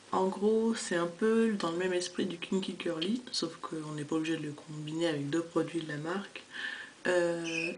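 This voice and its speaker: A woman with a slightly low voice chats through a casual haul vlog about her hair products. She hesitates often, filling gaps and correcting herself as she goes. A faint hiss and a few clicks sit behind her voice. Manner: hesitant, many fillers, self-correcting. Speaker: vlogger reviewing hair products.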